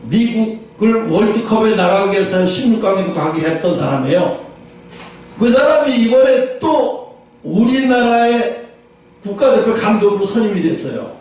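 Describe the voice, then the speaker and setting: A man's voice: high-pitched, expressive, normal speed, darkish tone, a little hiss or hum. A man preaching a sermon as pastor, telling the story animatedly and acting out the dialogue. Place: church sanctuary. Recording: echoey church hall from far off.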